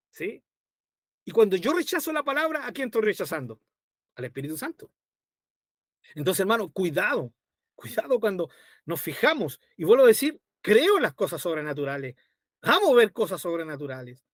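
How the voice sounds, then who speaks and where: A man preaching a Bible study in an animated, emotive way, often calling the listeners brother. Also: high-pitched, normal speed, long pauses, no echo, studio quality.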